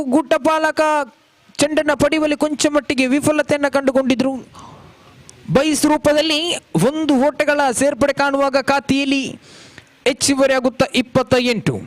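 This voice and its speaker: A man's voice: very high-pitched, fairly even intonation, normal speed. A man. His delivery is flowing and formal, and it lifts when a big shot comes. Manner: flowing, formal commentary with rising calls on big shots. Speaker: cricket commentator. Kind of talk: live cricket commentary. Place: cricket ground.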